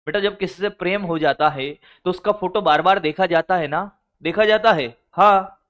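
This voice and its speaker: A man's voice: sits high, moderate pace, a bit bright. A man teaching physics exam strategy in a lecture, with a Hindi accent, scolding students in a colloquial, brotherly way.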